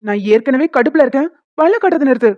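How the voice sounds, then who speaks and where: A woman does cartoon voice acting as a hot-headed elder brother who rants with indignation. Her high-pitched, animated delivery is quick and blustery, captured in a dull lo-fi recording that is dry with no room sound.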